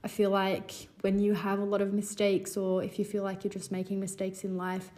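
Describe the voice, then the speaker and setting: A woman's voice: medium pitch, completely flat delivery, normal speed. A woman in her twenties hosting a solo podcast, talking in an earnest, rambling way with lots of fillers, a little stuffy from a cold. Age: 20s. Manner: warm, earnest, rambling with many "you know" fillers. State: slightly congested, recovering from a cold. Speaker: podcast host. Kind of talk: casual solo podcast talk.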